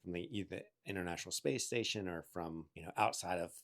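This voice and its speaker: A man's voice: low voice, fast talker. Affirming man hosting a podcast. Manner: warm, affirming, rambling. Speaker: podcast host. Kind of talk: casual interview.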